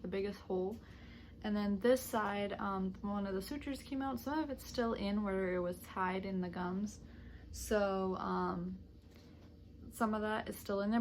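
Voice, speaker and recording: A young adult woman giving a casual, rambling, conversational update to camera as a vlogger. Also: medium pitch. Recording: clearly noisy home camera recording.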